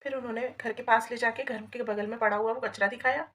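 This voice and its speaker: Fast-talking gossipy village woman. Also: a little high, poor audio. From Rajasthan. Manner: gossipy, animated village storyteller. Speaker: comedy vlogger. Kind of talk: comic monologue addressed to a neighbour.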